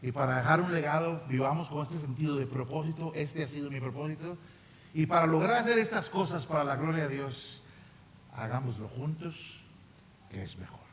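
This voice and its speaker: A man preaching as a guest speaker, telling a story with lively acted-out dialogue, then leading a prayer. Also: fairly high pitch, normal speed. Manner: animated storytelling, acting out dialogue. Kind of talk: storytelling sermon. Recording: reverberant hall, faint background noise.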